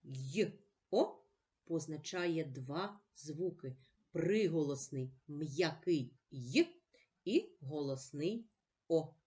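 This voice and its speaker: A woman teaches a reading lesson to young children in a slow, deliberate way. Her pitch rises and falls a great deal, and her voice sits a little low. She asks patient questions and then answers them herself. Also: animated, dark tone. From Ukraine.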